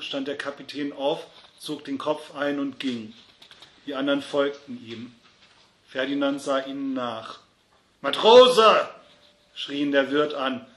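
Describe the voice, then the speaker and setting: A man's voice: medium pitch, a little hiss or hum. Man reading a story in an echoey room. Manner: shouts the characters' angry lines. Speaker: reader. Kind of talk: reading fiction aloud.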